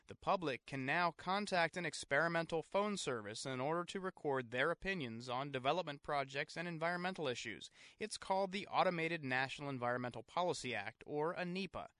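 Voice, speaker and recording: A man's voice: fairly high pitch, bright, forceful tone, dry recording, clean studio sound. A man hosting a radio show, reading scripted mock news narration.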